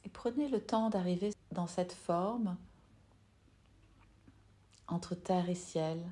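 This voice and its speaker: A woman yoga nidra teacher guides a meditation softly and soothingly, taking her time and leaving long pauses. Her voice is lowish.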